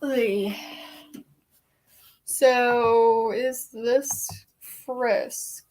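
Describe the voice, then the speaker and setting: A woman's voice: a little high, fairly even intonation, drawn-out words, a little mellow. A woman vlogging casually from a bedroom, rambling and chatty, slipping into baby talk with a toddler. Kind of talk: casual chat.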